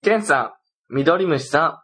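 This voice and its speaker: A man's voice: a little high, animated, brisk, a bit bright, slightly rough. A young man with a Kansai accent, co-hosting a casual podcast, reading listener mail and teasing his partner. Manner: teasing, laughs often, reads letters aloud. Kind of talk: casual chat.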